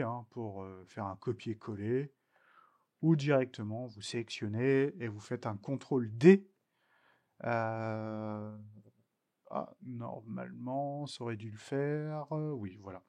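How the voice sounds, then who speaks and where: A man from France giving a screen-recorded software tutorial, talking slowly and hesitantly with many filler sounds as he explains each step. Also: medium pitch. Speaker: technical instructor.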